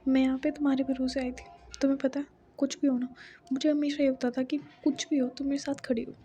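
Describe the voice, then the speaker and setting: A woman's voice: sits high, mellow, slight background noise, lightly acted. A woman voicing a furious, hurt young woman who scolds her lover, mixing Hindi and English. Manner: accusing, tearful scolding.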